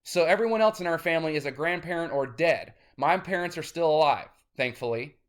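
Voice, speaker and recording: A man's voice: a little high, fairly quick. Rambling, cursing man in his thirties. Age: 30s. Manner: rambling, cursing, grows loud and insistent. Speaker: independent musician. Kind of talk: direct-to-camera vlog rant.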